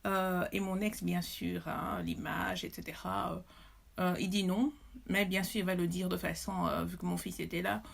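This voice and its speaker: A woman's voice: fairly low pitch, level tone, moderate pace, vocal fry. A woman from Belgium, telling her story as a mother, emotional and indignant, with many hesitations. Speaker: mother testifying. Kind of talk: personal testimony to camera.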